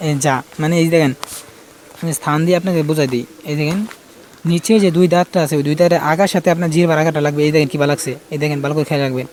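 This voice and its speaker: A man's voice: a little high, fairly even intonation, racing, a little mellow. A man teaching Quran pronunciation in a casual spoken lesson, repeating letter sounds and explaining where each is made in the mouth.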